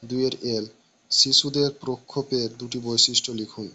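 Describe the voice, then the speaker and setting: A man reading exam questions and answer options aloud for students, in a steady voice with occasional restarts. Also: medium pitch, moderate pace, breathy edge. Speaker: teacher reading an exam paper.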